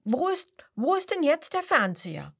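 A woman voicing an excited little pig in a children's storybook. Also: slow pace, slightly rough, full character voice. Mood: eager. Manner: high, eager exclamations.

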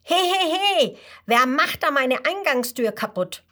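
A woman's voice: mid-range voice, lively intonation, takes it slowly, sharp tone, heavily acted. Woman doing a huffy little mole. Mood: cross. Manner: cross and huffy.

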